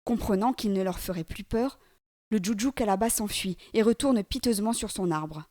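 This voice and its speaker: A woman storyteller reading a children's book aloud in a clear, steady narration. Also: medium pitch, moderate pace, no room sound, clean studio sound.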